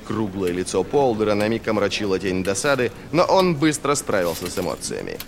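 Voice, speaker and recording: A man narrating a novel as an audiobook, reading in an even, measured way. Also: fairly low pitch, vocal fry, soft background music. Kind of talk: scripted narration.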